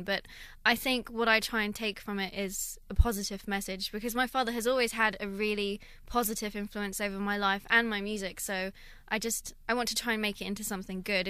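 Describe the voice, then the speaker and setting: A young woman from London with a London accent, chatting in a radio interview, thoughtful and quick to laugh. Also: medium pitch, pushed and bright, smooth, no room sound. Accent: London English. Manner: friendly, laughs often, thoughtful. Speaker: guest violinist. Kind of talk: casual interview chat.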